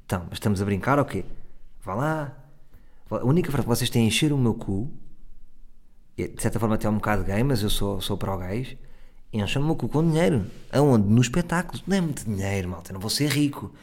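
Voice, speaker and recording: A man's voice: lowish voice, lively intonation, brisk, darkish tone. A man in his thirties with a European Portuguese accent, delivering a crude, sardonic and rambling comic monologue as host of his own podcast. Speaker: comedian host.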